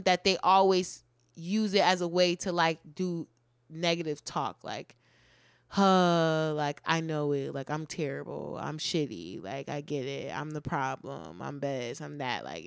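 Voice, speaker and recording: A woman's voice: lowish voice, a bit bright, clear, resonant tone, no room sound. A woman co-hosting a casual podcast, blunt and opinionated, swearing freely into a close mic. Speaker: podcast co-host.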